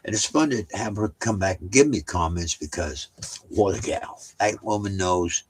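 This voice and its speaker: A man's voice: sits low, animated, normal speed, slightly rough, poor audio. An older man telling family stories at home in a rambling, casual way, with many restarts and side remarks. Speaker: storyteller.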